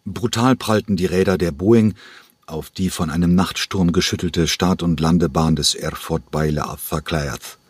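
A man reading a thriller audiobook in a measured, dramatic way. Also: low voice, darkish tone, slightly rough, no echo. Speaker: audiobook narrator. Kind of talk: scripted thriller narration.

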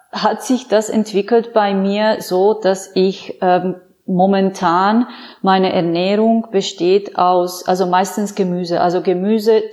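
A woman's voice: mid-range voice, a little mellow. A woman fitness trainer interviewed as a podcast guest, chatting in an earnest, storytelling way.

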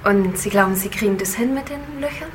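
A woman's voice: mid-range voice, fast talker, a little hiss or hum, close to an everyday voice. A woman playing a coy, flirty housewife. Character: suggestive housewife alone at home. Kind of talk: ad acting. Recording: voice over loud background music.

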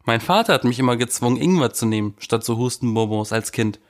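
A man's voice: mid-range voice, quick pace. Man with a cold, joking chat. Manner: joking, animated storytelling. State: has a cold, sore throat. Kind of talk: casual chat.

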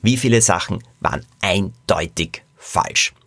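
A man hosting a podcast, reading a children's mystery aloud as a lively storyteller and talking about the books. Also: low voice, unhurried, no echo, studio quality. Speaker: podcast host and author.

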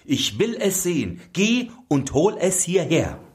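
A man's voice: high voice, very animated, unhurried, pitched above the performer's own voice. A man voicing a young prince who questions firmly and insists. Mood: suspicious.

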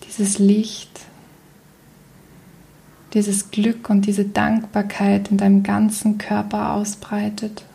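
A woman leading a guided meditation in a soft, breathy, near-whispered voice, calm and soothing with long pauses. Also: mid-range voice.

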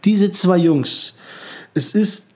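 A man's voice: high-pitched, animated, drawn-out words. A man from Frankfurt talking candidly as a comedian guest on a podcast, chatty and full of slang. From Frankfurt, Germany. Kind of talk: casual podcast chat.

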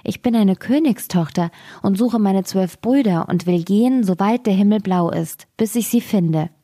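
A woman voicing a brave, tender-hearted young princess in a fairy tale, speaking softly with a pleading tone. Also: mid-range voice, moderate pace, dry recording, studio quality, close to an everyday voice.

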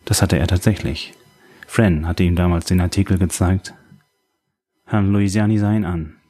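A man calmly narrating a novel as an audiobook reader. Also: low voice, normal speed, faint music behind. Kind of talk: scripted narration.

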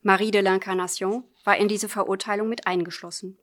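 A woman reads a literary story aloud in the voice of a letter writer. Her delivery is measured and earnest, speaking to a close friend. Her pitch sits in the middle range. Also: steady tone. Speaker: audiobook reader. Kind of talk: literary audiobook narration, letter form.

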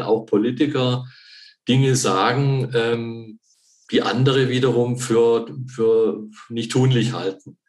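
A man's voice: medium pitch, roomy sound. A man, a newspaper author invited as a guest, analyses the issue thoughtfully with hesitations and frequent restarts. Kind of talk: analytical conversation.

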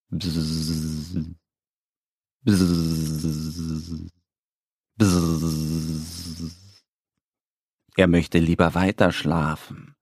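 Slow, lively man reading a children's story. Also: lowish voice, husky, dry recording, studio quality. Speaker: narrator.

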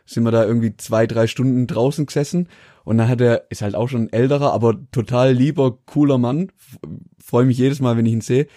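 Mellow-voiced man, rambling anecdotes. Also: medium pitch, fairly even intonation, a little fast, no echo, clean studio sound. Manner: rambling anecdotal storyteller, laughs often. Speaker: podcast co-host. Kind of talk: casual chat.

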